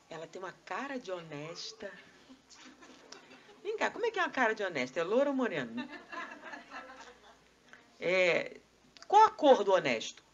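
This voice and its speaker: A Brazilian woman gives a live lecture in a meeting hall, her lowish voice lively and swooping as she fires rhetorical questions at the audience. The recording is a little dull, with a faint hiss underneath. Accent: Brazilian Portuguese. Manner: animated, rhetorical questions, conversational asides. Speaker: spiritist lecturer. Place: spiritist society meeting hall.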